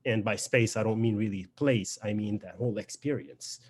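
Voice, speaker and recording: A man's voice: lowish voice, moderate pace, a little mellow, breathy edge. A young man with a Lebanese accent and Arabic as his first language, a poet speaking informally and reflectively to introduce a reading, with frequent hesitations. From Beirut, Lebanon.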